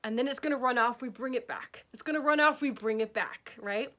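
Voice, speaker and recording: Woman healing teacher, casual spiritual talk, bright and a bit high-pitched, chatty check-ins. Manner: chatty, keeps checking in with "okay?" and "right?".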